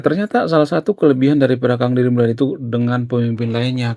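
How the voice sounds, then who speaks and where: A man's voice: mid-range voice, creaky, a little mellow, husky. A young man explaining casually in a chatty way, peppering his sentences with fillers. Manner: chatty, filler-heavy, often ends with "ya". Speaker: YouTuber.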